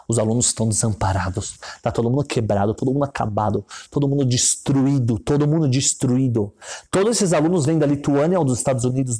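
A man delivers a sermon as a story, his dark-toned voice climbing to high emotional peaks and falling low again, at times chanting short lines of prayer.

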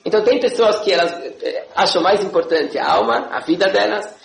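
A man giving a classroom religious lesson, animated and often checking in with his listeners. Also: high voice, fairly quick, gravelly, reverberant, rough recording. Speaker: religious teacher.

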